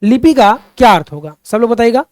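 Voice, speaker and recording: The online Hindi exam-prep teacher, a young man, has a very high-pitched, darkish voice with lively intonation and a quick pace, captured in clean studio sound without echo. He repeats each question, calls students friends and children while pushing them to reply, and sometimes wanders into fervent talk about society.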